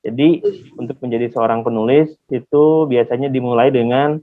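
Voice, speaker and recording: A man's voice: medium pitch, fairly even intonation, moderate pace. A man, chattily hosting an online class through a face mask and often asking listeners to confirm. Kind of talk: casual, interactive webinar hosting. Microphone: video call. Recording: muffled, phone-like online call audio.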